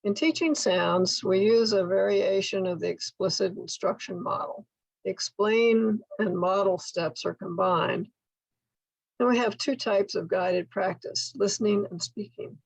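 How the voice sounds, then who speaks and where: Slow, gravelly older woman carefully modeling sounds. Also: mid-range voice, no room sound, low-quality recording. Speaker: workshop instructor for literacy tutors. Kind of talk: instructional slide presentation. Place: indoor room at home, video call.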